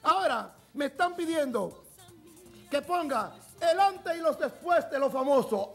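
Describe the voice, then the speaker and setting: A man playing a flamboyant gossip queen hosts a comedy TV segment, all camp theatrics and endless endearments. The voice sits high with a gravelly fry, and soft music plays faintly under it. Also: lively intonation, measured pace, heavily acted. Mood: gossipy. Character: flamboyant gossipy woman TV presenter. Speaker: comic TV gossip presenter.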